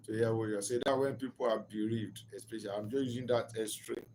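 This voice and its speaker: A man's voice: medium pitch, darkish tone, a little hiss or hum, low-quality recording. A man giving a motivational talk on relationships, earnest and instructive, repeating key phrases and asking rhetorical questions. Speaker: relationship speaker.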